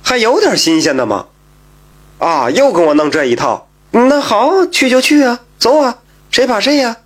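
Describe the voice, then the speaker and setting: Brief: male storyteller doing a fed-up street peddler, shrill and scoffing, storybook telling. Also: very animated, normal speed. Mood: defiant. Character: exasperated, defiant male peddler.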